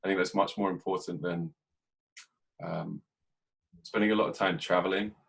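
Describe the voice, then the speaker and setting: An English man hosting a podcast, talking in a casual, reflective way and keeping a dry, even tone even when he jokes. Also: deep voice, moderate pace, gravelly, husky, rough recording. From England. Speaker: podcast host. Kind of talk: casual conversation.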